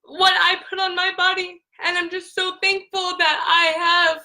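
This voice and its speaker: Young woman, high bright voice; filler-heavy, emotional phone live rant. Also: flat delivery, normal speed, rough recording. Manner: filler-heavy, repeats "like" constantly. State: tearful at times. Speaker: essential oils seller.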